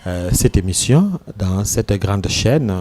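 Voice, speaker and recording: Unhurried Congolese priest with a mellow voice. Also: male voice, on the low side, lively intonation, slight background noise. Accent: Congolese French. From Democratic Republic of the Congo. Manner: measured, hesitant, many pauses and fillers. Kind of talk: casual interview talk, mixing French and Lingala. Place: TV studio.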